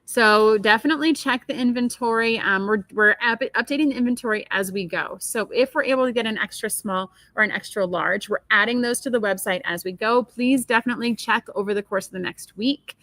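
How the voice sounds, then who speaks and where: A woman's voice: fairly high pitch, a little fast, hardly any pauses, a bit bright, no room sound. A woman co-hosting a casual live stream, chatting and answering viewer questions. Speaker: co-host of a quilt shop live show.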